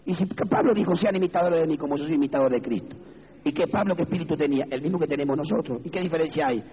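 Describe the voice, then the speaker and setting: A man with an Argentine Spanish accent preaching an evangelical sermon as pastor, moving from low, measured speech to high, fervent exclamations. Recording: reverberant hall, dull lo-fi sound, faint background noise.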